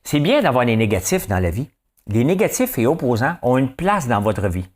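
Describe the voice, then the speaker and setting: Animated Québécois man, lively chat. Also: medium pitch, moderate pace. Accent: Québécois French. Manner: animated, chatty, keeps asking "hein?". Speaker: host of a live show. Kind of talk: casual chat to viewers.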